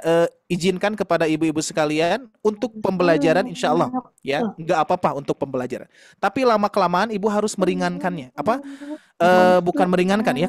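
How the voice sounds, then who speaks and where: High-voiced man teaching recitation. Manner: patient, explains with demonstrations and gentle laughs. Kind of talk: online tajwid class.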